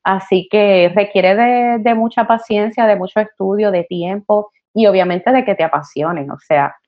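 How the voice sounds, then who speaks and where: A woman speaks as a guest in a podcast interview, passionate and animated, often using fillers like "eh" and "este". Her voice sits in a middle pitch. The recording sounds slightly dull. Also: normal speed. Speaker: guest, college admissions counselor.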